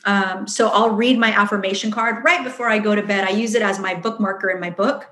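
A woman's voice: mid-range voice, steady tone, brisk, a bit bright. A woman answering interview questions in a chatty way, with many fillers, acting out her own inner voice. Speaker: guest. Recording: roomy echo.

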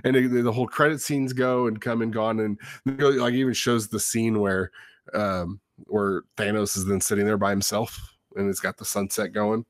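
Low-voiced man telling a story, dry sound. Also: moderate pace, no echo. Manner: animated, rambling storyteller with many restarts. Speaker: podcast co-host; father. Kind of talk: casual podcast chat.

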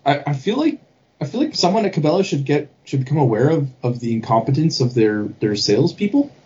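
A man's voice: fairly high pitch, sing-song, darkish tone, husky. A man talking casually, stumbling and repeating words as he works out his point. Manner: halting, many repeated words. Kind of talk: casual chat. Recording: dull lo-fi with faint noise.

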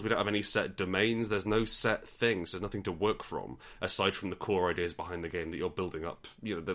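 Man, very deep voice, keen and joking, co-designer. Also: a bit bright. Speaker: game designer. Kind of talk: casual interview chat.

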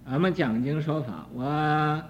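An older man, a Buddhist teacher, lecturing slowly on a sutra commentary, with frequent "ah" fillers and sudden swings between soft and loud. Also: fairly high pitch, a little hiss or hum. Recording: dull archival recording in a reverberant hall.

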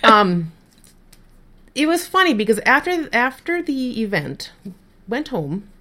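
A woman's voice: fairly high pitch, very animated, slow, bright, forceful tone. Chatty self-deprecating woman telling a story. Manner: self-deprecating storyteller, repeats words when starting sentences. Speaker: podcast co-host. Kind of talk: casual chat.

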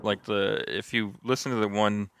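A man co-hosting a casual gaming podcast, laid-back and drawn-out in his speech. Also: lowish voice, level tone, vocal fry, a little hiss or hum. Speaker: podcast co-host.

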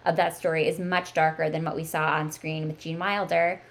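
Woman, 30s, podcast host, slightly low voice, chatty, filler-heavy casual talk. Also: little pitch movement, a little fast. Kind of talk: casual book chat.

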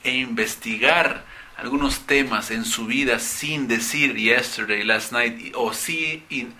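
A man's voice: mid-range voice, sharp tone, a little hiss or hum. A man teaching English grammar in Spanish, animatedly acting out example questions in English. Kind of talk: explaining grammar to students.

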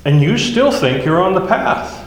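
A man's voice: high-pitched, big pitch swings, normal speed, a little hiss or hum. A man leading a Bible study, explaining verses one by one in a conversational way. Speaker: Bible teacher. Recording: echoey hall with faint ambience.

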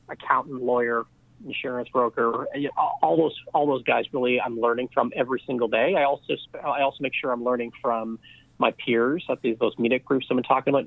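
Over a tinny phone connection, a real estate investor rambles casually as a podcast guest, full of fillers and false starts. He has a mid-range male voice, and the audio has no echo.

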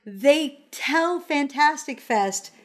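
A woman telling a casual, animated anecdote, acting out the quoted voices and using lots of fillers. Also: high voice, drawn-out words. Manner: frequent fillers like "like". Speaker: storyteller.

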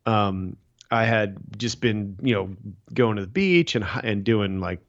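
A man's voice: lowish voice, measured pace, muffled recording. A man co-hosting a casual chat, joking dryly and rambling through his stories. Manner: dry, joking, rambling with restarts. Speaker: podcast co-host. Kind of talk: casual chat about a reality dating show.

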